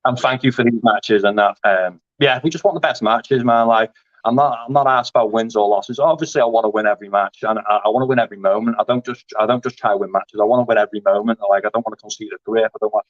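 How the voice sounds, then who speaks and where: A man in his thirties talks through his grappling life in a loose, rambling way, full of fillers and restarts. His voice sits fairly low. The audio is dry and a little dull, like a lo-fi call. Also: quick pace, dry recording. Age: 30s. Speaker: grappling competitor. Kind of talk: casual interview chat.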